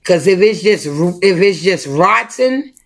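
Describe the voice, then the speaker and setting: A middle-aged mother co-hosting a casual family chat speaks in a low-ish, expressive voice at a slightly slow pace. She talks emphatically and poses rhetorical questions in the style of a preacher.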